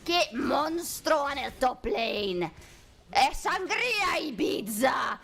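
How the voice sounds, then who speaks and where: A woman putting on an over-the-top, excited female sports commentator in Spanish-language style. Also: high-pitched, takes it slowly, creaky, full character voice. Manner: exaggerated, shouting commentary.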